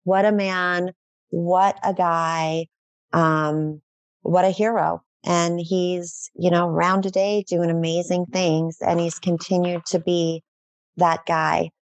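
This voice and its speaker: A woman's voice: on the low side, little pitch movement, takes it slowly, no echo. A middle-aged woman talking as a guest in a casual podcast interview, enthusiastic and effusive, rambling with fillers.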